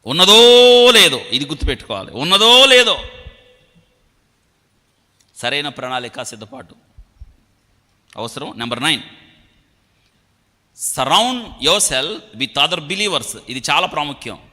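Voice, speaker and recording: A man's voice: medium pitch, expressive, a little slow, pauses often, sharp tone. A man preaching a sermon, emphatic, asking rhetorical questions and having the congregation repeat lines. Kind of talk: sermon with prayer. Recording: long hall reverb.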